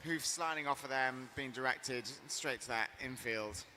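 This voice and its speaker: Male commentator, mid-pitched voice, very bright tone, earnest, faint noise behind. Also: moderate pace. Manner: earnest, enthusiastic play-by-play. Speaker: roller derby commentator. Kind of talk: live sports commentary.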